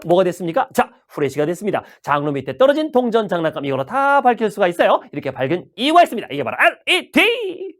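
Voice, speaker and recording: A brash subway peddler, as a man puts him on works the train car with a booming, high-pitched pitch. His voice leaps and swoops through quick rhetorical questions. He never lets the energy drop. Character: loud pushy male subway peddler hawking a gadget.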